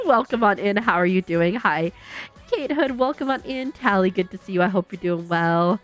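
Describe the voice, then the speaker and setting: This young adult woman's mid-range voice is sing-song and moderately paced as she chats during a game stream, faint music behind her. She's giggly and upbeat, slightly congested, and talks to herself while building.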